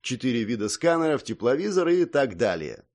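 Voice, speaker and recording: A man reads a first-person fantasy novel aloud in an even, slightly wry manner. His pitch sits in the ordinary middle range, while his intonation moves in a lively way. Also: fairly quick. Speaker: audiobook narrator. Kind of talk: scripted first-person narration.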